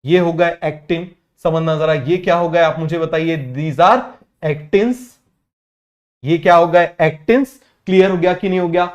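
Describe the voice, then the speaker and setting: A young man teaching biology, constantly asking students whether it is clear and having them repeat terms. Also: a little high, measured pace, dull audio. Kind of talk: online exam-prep class.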